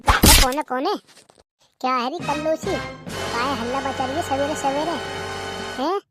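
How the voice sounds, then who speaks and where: A woman's voice: high voice, normal speed, loud music behind the voice, natural voice. A woman voicing a lazy, rude young husband in a cartoon comedy, mocking and insulting.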